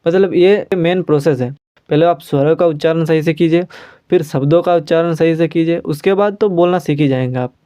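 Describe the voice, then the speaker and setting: A man with an Indian accent teaching a language lesson, patiently repeating sounds slowly for learners. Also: a little high, mellow, smooth.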